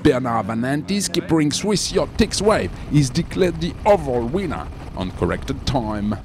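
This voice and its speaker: A man's voice: medium pitch, big pitch swings, moderate pace, noisy background. A man reading a scripted sailing news voice-over.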